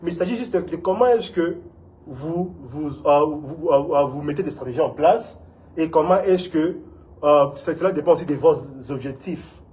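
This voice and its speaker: A man's voice: on the high side, normal speed, a little mellow. A man from Congo, an instructor giving an earnest, encouraging community talk in an interview. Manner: earnest, encouraging, often asks "vous voyez?".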